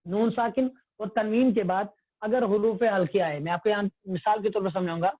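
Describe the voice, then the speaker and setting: A man's voice: high voice, no room sound. Man teaching over tinny phone audio. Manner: patient, repetitive, quizzing the class. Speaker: Tajweed teacher. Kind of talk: online religious class. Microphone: phone or computer mic on a video call.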